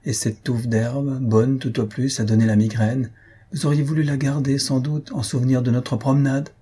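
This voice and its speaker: A man's voice: mid-range voice, little pitch movement, moderate pace, dark tone, slightly rough, lightly acted. A man voicing a witty, mocking young noblewoman who talks in a teasing, proudly plain-spoken way.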